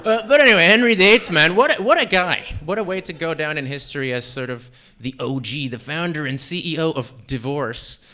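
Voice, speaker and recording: Young male stand-up from Central Europe, dry self-mocking delivery, slightly high bright voice. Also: brisk, hardly any pauses. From Czech Republic and Slovakia. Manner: deadpan, self-deprecating, with fillers. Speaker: stand-up comedian. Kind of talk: stand-up comedy set. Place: comedy club stage.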